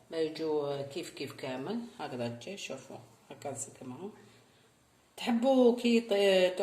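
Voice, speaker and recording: A woman's voice: on the low side, a little mellow. A middle-aged woman with an Algerian Arabic accent, who hosts a baking channel and talks viewers through each step of a recipe, repeating her instructions. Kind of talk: cooking tutorial. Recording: echoey room with faint noise.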